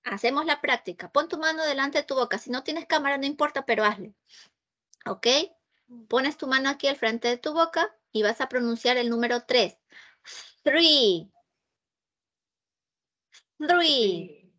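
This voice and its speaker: A woman English teacher with a Peruvian Spanish accent leads an online class over a video call. Her voice sits a little high, and she talks patiently, repeating points and pausing often to ask if everyone follows. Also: fairly bright tone, dull audio. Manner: patient, repeats and checks understanding with frequent "ok?".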